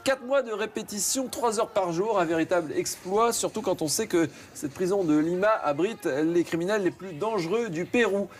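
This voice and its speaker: A man's voice: sits high, normal speed, few pauses, a little hiss or hum. A man presenting a light news item on TV in a jovial, joking manner.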